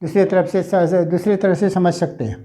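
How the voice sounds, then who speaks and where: A man's voice: sits high, fairly even intonation, warm tone. A male teacher explaining grammar in a classroom lesson, repeating himself and stretching out sounds as he demonstrates them. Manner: slow, repetitive explaining, stretching sounds aloud.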